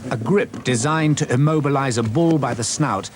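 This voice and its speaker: A man reading scripted nature documentary narration in a measured, serious way, in short deliberate phrases. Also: medium pitch. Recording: voice-over with loud animal and outdoor noise.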